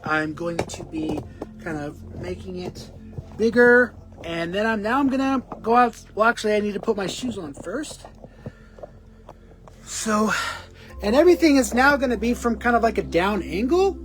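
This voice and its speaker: A man talking casually on a home live-stream vlog, halting and rambling with many restarts, short of breath. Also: high voice, expressive, a bit bright, faint music behind, low-quality recording. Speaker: vlogger. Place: at home indoors. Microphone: camera on a small tripod.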